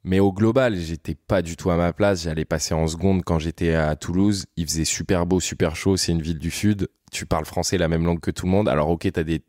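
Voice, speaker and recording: Deep-voiced Frenchman telling stories casually. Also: steady tone, fairly quick, hardly any pauses, a little mellow, no room sound, studio quality. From France. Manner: rambling, slangy, frequent "tu vois" asides. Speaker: podcast guest, content creator. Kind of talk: casual storytelling conversation.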